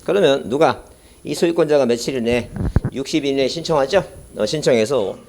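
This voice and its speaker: Over some background noise, a mid-range male voice talks a little fast through an academy exam-prep lecture. The face mask over his microphone muffles him as he rambles in asides and then poses rhetorical questions to the students.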